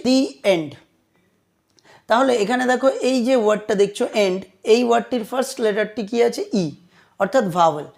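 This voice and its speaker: A man's voice: high voice, creaky. Male English tutor, patient and repetitive, checks for understanding. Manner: repeats rules slowly, checks understanding often. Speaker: English teacher. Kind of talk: whiteboard grammar lesson.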